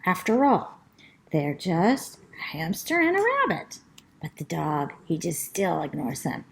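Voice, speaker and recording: A woman's voice: on the low side, big pitch swings, vocal fry, pitched below the performer's own voice, full character voice. Woman reading as a chatty classroom parrot. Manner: slow, sing-song rhyming delivery. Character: chatty, fussy pet parrot narrating as a female classroom pet. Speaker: storybook reader. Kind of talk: reading a children's storybook aloud.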